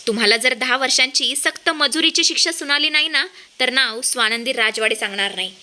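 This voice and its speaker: A woman's voice: sits high, fairly quick, sharp tone. A woman voicing a fearless young daughter-in-law who confronts others defiantly.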